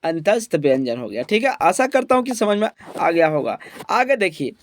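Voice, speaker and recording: A man's voice: on the high side, big pitch swings, moderate pace. A man teaching a grammar exam lesson, asking the class questions and answering them himself, with frequent checks that they follow. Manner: repeats each point as a question and answer, "ठीक है?" checks.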